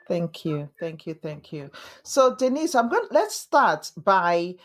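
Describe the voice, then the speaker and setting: A middle-aged woman hosting a podcast interview, encouraging and warm toward her guest. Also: on the low side, sing-song, a little slow. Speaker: podcast host.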